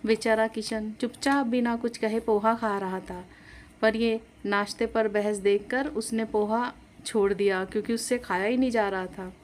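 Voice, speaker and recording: A woman storyteller giving a scripted storybook narration in a steady, expressive way. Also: a little high, normal speed, a little hiss or hum.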